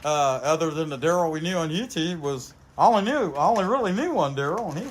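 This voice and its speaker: Chainsaw carver guy, kinda high voice, rambling jokey live chat outside, faint birds behind. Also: animated, fast talker, a little hiss or hum. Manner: rambling, joking, greets viewers by name. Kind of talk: casual live-stream chat while working.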